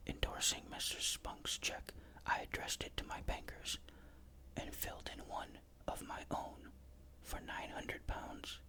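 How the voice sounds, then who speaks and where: A storyteller whispers a literary ghost story without voicing the words. The whisper is breathy and crisp-edged, with a bright, sharp sound. The phrasing is measured and careful throughout.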